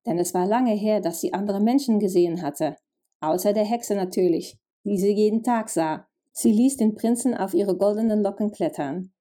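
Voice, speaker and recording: A woman narrating a fairy tale, gently addressing the listener directly. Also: medium pitch. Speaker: storyteller.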